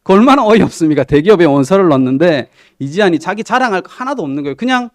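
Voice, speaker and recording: A man's voice: high-pitched, expressive, rapid-fire, no room sound. A man who is a pastor, preaching a sermon in a conversational storytelling way and asking the congregation questions. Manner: storytelling, retelling a TV drama with quoted lines. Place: church sanctuary.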